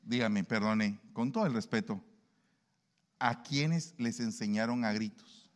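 A man preaching a sermon in an animated way, acting out everyday dialogues. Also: on the low side, a little slow. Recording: long hall reverb.

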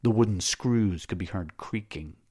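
Male narrator, deep and husky, dramatic measured storytelling. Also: darkish tone. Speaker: audiobook narrator. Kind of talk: scripted narration.

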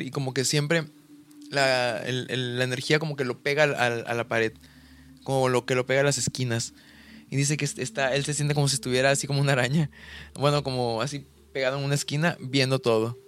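A man's voice: mid-range voice, fairly bright tone. A young man co-hosting a podcast, chatting casually with many restarts and fillers. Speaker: podcast co-host. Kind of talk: casual chat.

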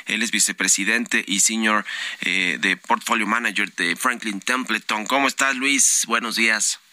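A man's voice: fairly low pitch, normal speed, sharp tone, dry recording. A man with a Mexican accent hosting a radio interview, asking long questions with many fillers and restarts. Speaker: radio host.

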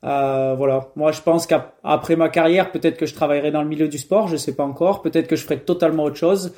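Young man, guest on a podcast, mellow warm tone, halting answers full of fillers. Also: a little high, steady tone. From France. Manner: hesitant, many fillers and restarts. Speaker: guest, professional triathlete. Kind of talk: casual interview answers.

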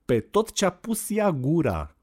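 A man voicing a cool, blunt teenage high school girl in an audiobook reading, speaking in a dry, matter-of-fact, teasing way. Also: wildly swooping pitch, a little mellow.

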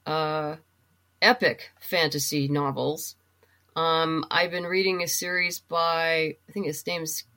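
In a casual chat about books, a female guest who is both a comic book writer and novelist talks things through conversationally, thinking aloud. Her voice is fairly low in pitch with a fairly bright tone.

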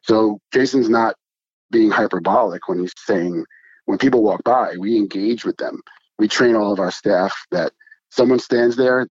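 A man's voice: on the low side, darkish tone, dry recording, dull audio. A man who co-owns a restaurant, answering interview questions in an earnest, emphatic way and building his points in lists. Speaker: restaurant co-owner.

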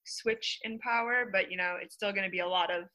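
Female co-host, bright tense tone, wry casual podcast chatter. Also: medium pitch, fairly even intonation, brisk, rough recording.

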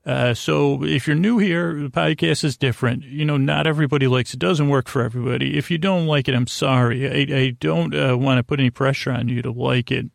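In a very dry podcast studio recording, a man with a creaky, gravelly, mid-range voice hosts a sleep show. His bedtime monologue meanders with fairly even intonation, halting as he circles his thoughts and often trailing off before finishing a sentence.

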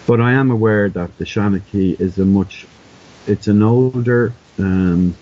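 A man's voice: on the low side, unhurried, dark tone, dull audio. An Irish man with a storyteller's discursive, thoughtful manner, explaining things conversationally and through anecdote. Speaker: traditional storyteller being interviewed.

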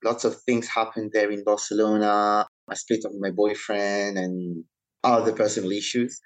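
A reflective interview guest in his thirties, this Italian man speaks English as a non-native, alongside Italian, French and Mauritian Creole. His lowish voice is flat and moves at a moderate pace, and the audio is poor.

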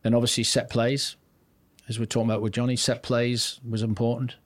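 Fairly quick and level in tone, this older north-east English man's mid-range voice carries long, rambling stories about his coaching days as a podcast guest. The interview is chatty and anecdotal; he keeps restarting sentences and performing the quotes he recounts. There's no echo on the recording.

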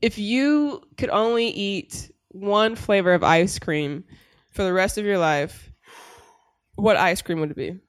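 A woman's voice: medium pitch, a little slow, dry recording, studio quality. A woman hosting a podcast, teasing her guest and laughing often. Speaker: podcast host. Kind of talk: casual chat.

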